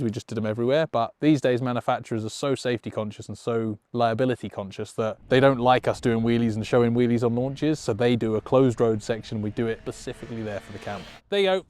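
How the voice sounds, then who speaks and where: Male presenter, encouraging tutorial delivery, mid pitch, dry close sound. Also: a little mellow, no echo. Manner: enthusiastic, encouraging and conversational. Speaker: motorcycle riding instructor and show presenter. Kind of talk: explanatory tutorial.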